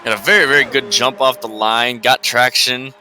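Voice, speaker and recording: A man's voice: medium pitch, fairly even intonation, moderate pace, sharp tone, a little hiss or hum. A man giving live sim-racing commentary as a motorsport commentator, repeating words for emphasis.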